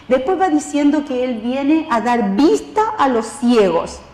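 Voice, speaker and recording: A lay preacher teaching a seminar gives a spoken sermon in an echoing hall, taking her time. She's expressive, acting out quoted voices with rising pitch and addressing the listener directly as tú. The recording is roomy with long reverb.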